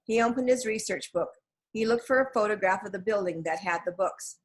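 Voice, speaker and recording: An audiobook reader, a woman with a medium-pitched, husky voice, narrates a children's chapter book. Her scripted reading is brisk and expressive.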